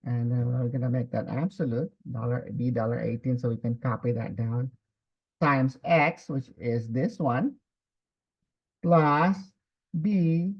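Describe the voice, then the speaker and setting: Gravelly man dictating a step-by-step tutorial. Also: medium pitch, steady tone, moderate pace. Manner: dictates formulas piece by piece. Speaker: instructor. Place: screen-recorded lesson at a computer. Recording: slightly dull, muffled audio.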